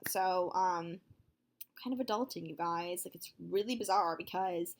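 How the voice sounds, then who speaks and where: A nineteen-year-old woman talking casually to her viewers in a vlog, chatty and full of fillers, quick to exclaim. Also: lowish voice. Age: young adult, nineteen. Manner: excitable, quick to gasp and exclaim. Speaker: vlogger.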